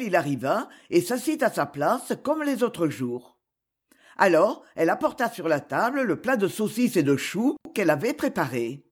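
Breathy audiobook narrator, really lively pitch, lyrical. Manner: expressive, lyrical reading.

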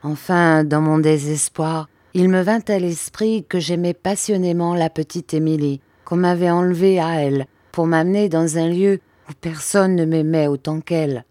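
Casting note: woman audiobook narrator, lowish voice, steady expressive reading, dry close mic. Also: normal speed, hardly any pauses, no room sound. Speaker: audiobook reader. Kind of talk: scripted narration.

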